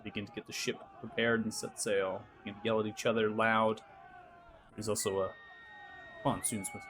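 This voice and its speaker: A man's voice: fairly low pitch, level tone, moderate pace, a bit bright. A man running a tabletop role-playing game as game master, narrating and talking to the players. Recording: faint background noise.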